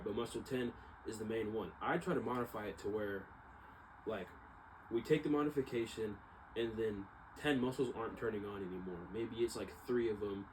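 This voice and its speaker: Talking in a relaxed, slang-filled monologue, a young American man with a fairly low voice wanders through his thoughts and corrects himself along the way. He's a young adult vlogger who studies exercise science, and clear background noise plus some room ambience can be heard.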